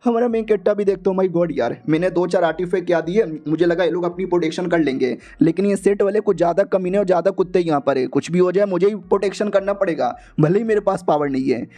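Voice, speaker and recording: A man's voice: sits high, quick pace, hardly any pauses, dark tone. A young man casually retelling a comic story, playful and slangy, switching his voice for each character. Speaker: manhua recap narrator. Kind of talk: casual storytelling recap, voicing all characters.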